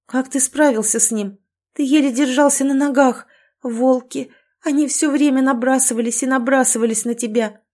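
A woman's voice: sits high, fairly even intonation, moderate pace, darkish tone, voice pushed up. A woman voicing a fierce, emotional young werewolf woman in an audiobook, speaking in an agitated, raised tone.

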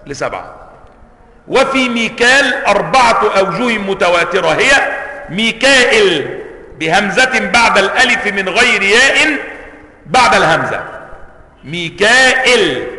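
An Egyptian man lectures on Quran readings in a high, bright voice. He stretches out each pronunciation and keeps checking that his students follow. The sound rings around a large hall. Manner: explains slowly, checks students with questions, drawn-out recitation of word forms. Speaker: sheikh teaching Quran sciences. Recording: roomy hall reverb.

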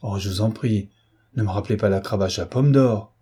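Embittered young son, male reader, impassioned and reproachful, husky. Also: lowish voice, brisk, warm tone. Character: embittered young man accusing his parents.

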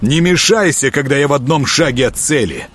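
A man voicing a vengeful male ghoul who shouts threats in a wild, snarling manner. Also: medium pitch, animated, a little fast, soft background music, voice pushed up, lightly acted. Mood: furious threatening.

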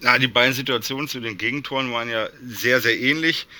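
A man's voice: medium pitch, fast talker, pushed and bright. A man talking casually about football as a fan guest on a podcast.

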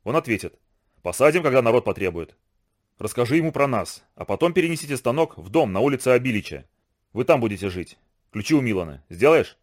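A man reading a hushed, plotting uncle. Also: sing-song, fast talker. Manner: low urgent instructions.

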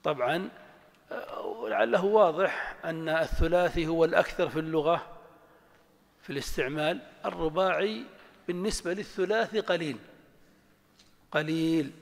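A man's voice: a little high, gravelly. Lecturing man in a reverberant hall. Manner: slow, drawn-out spelling of word patterns, asks and answers his own questions. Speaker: teacher. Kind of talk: classroom lecture explaining grammar.

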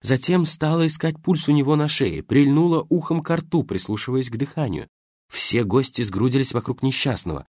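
A man narrates an audiobook with expressive storytelling in a mid-range voice at normal speed. The recording is dry and studio quality.

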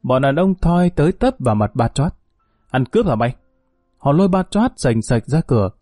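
A man narrating a story audiobook in a steady, measured storytelling manner. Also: on the high side, no echo, clean studio sound, faint music behind.

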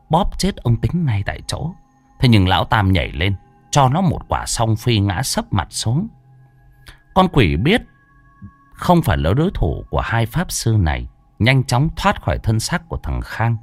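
A man narrating a ghost story in a dramatic, animated way. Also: on the low side, no echo.

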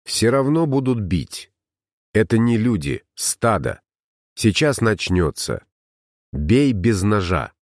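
A man voicing a gruff young wandering herbalist who talks bluntly and grumbles, in an audiobook. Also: lowish voice, very animated, slow, no room sound, studio quality, heavily acted. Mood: grim.

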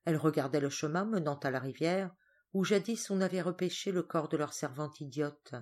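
A woman's voice: low-pitched, fairly quick, a little mellow. Woman reading a classic short story. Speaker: audiobook reader. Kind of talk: scripted narration.

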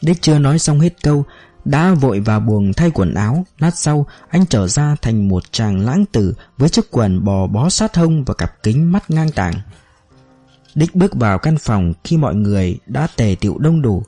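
A male audiobook narrator telling a novel in a steady manner. His pitch moves expressively and his tone is mellow. Faint music runs underneath. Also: moderate pace, no room sound. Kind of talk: scripted narration.

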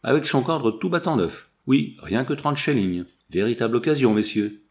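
A man's voice: mid-range voice, lively intonation, moderate pace, a little mellow, close to an everyday voice. A man doing a pushy woman dealer. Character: sharp-voiced woman furniture dealer, pushy.

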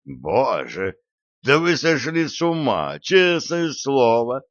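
A man's voice: lowish voice, animated, unhurried, fairly bright tone, no room sound, lo-fi sound. A man voicing Grenville, a suspicious, blunt male partner in a shady deal. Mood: wary blunt.

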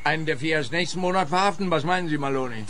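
An actor playing a petty, exasperated police detective in a radio crime comedy, with a sarcastic, blustering manner. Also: male voice, a little high, very fast, music in the background, close to an everyday voice.

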